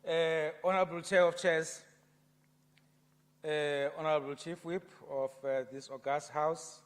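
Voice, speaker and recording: A South African man giving an oratorical debate speech in a provincial legislature, building to loud passion. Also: a little high, steady tone, a little slow. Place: legislative chamber. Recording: long reverb of a legislative chamber.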